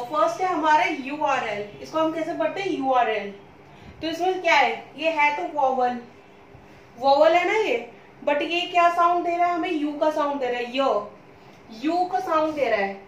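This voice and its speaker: A woman's voice: sits high, slight background noise. A woman teaching an English grammar lesson who keeps asking questions and then answering them herself. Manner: repetitive questioning, answers her own questions. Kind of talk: classroom-style lesson explanation. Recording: roomy echo, speaking from a distance.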